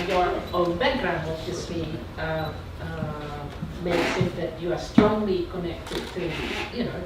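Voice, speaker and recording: A woman moderating a panel discussion, asking questions with many hesitant fillers. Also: on the low side. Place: lecture room. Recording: very echoey room, distant mic, noise.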